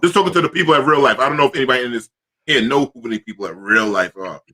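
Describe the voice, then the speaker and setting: Fast-talking, bright-voiced male host. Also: medium pitch. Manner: loose, excitable, streetwise banter with fillers. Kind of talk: casual talk-show chat.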